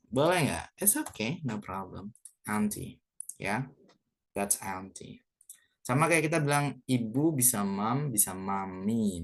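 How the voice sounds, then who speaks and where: Young Indonesian-accented man, patient English teacher, unhurried and repetitive. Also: medium pitch, fairly bright tone. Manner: slow, repeats words, mixes English into explanations. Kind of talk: beginner English lesson.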